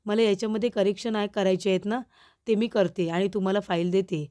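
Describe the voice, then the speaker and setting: Woman reading teary young woman begging politely, mellow voice. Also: medium pitch, steady tone, fairly quick, lightly acted. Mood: pleading. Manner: pleading, polite. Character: young woman employee, tearful and pleading.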